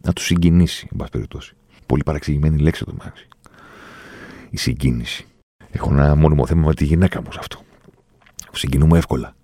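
A man's voice: rumbling low, long pauses, warm tone, no echo, studio quality. A middle-aged man hosting a podcast, delivering a reflective, emphatic solo monologue and repeating phrases to drive his points home. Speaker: podcast host.

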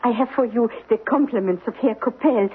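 A polite European room-service attendant in a vintage radio play. Her highish voice is very husky and lilting, heard through a narrow, tinny old recording. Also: fairly quick. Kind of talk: old radio drama acting.

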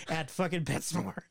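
A man co-hosting a podcast, telling a story in a casual, animated way, swearing freely and acting out his own panic. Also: on the high side, dry recording. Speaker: podcast co-host.

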